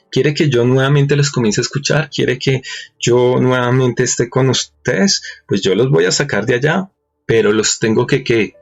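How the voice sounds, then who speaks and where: A man's voice: mid-range voice, vocal fry, husky. A man preaching a sermon, reading verses aloud and asking his listeners questions. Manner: asks rhetorical questions and reads verses aloud. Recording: dull lo-fi recording with faint music.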